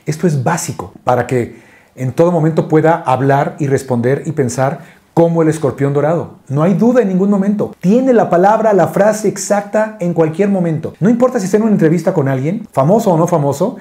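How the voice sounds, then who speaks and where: Animated Mexican man, voice actor. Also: fairly quick. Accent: Mexican Spanish. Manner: animated, acts out quoted voices in a much higher pitch. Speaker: dubbing voice actor. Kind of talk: interview talk.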